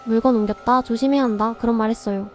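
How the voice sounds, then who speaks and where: A woman's voice: fairly high pitch, steady tone, fast talker, soft background music, lightly acted. A woman voicing a small, innocent granddaughter who gives short, simple, guileless answers in a storybook audio drama.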